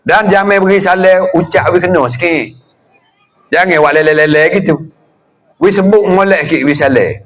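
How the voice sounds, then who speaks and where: A middle-aged man with a Patani Malay accent giving a lively religious lecture, acting out greetings and chuckling often. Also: high voice, normal speed. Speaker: religious teacher.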